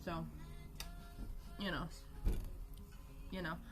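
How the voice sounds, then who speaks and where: A woman's voice: on the low side, flat delivery, very slow, fairly bright tone. A young woman chatting casually on a live art stream at home, rambling, joking at herself and swearing freely. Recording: music playing behind the voice. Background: music.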